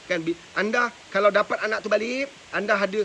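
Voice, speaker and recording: A man's voice: high voice, a little fast, sharp tone, a little hiss or hum. A man, a madrasah religious teacher giving parenting advice on a live stream, preachy and forever asking his listeners whether they understand. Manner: preachy, keeps asking rhetorical questions. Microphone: live stream mic with faint hiss.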